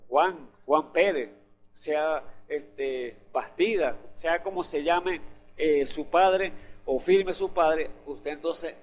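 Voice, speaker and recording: A man with a somewhat high voice preaching a fervent sermon. He circles back on his phrases, hesitates with fillers and repeats himself as he builds toward his points. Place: church.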